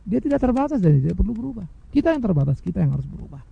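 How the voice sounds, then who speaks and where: A man preaching a sermon, addressing his listeners directly, swinging between loud emphatic highs and soft, hushed lows and acting out quoted speakers. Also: sing-song, racing, gravelly, slightly rough, narrow, tinny audio. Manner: mimics imagined speakers in quoted asides. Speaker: pastor.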